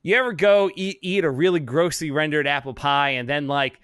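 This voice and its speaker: A man's voice: on the high side, a little fast, noisy background. A man co-hosting a casual comedy podcast, rambling and swearing, often breaking into laughter. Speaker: podcast co-host.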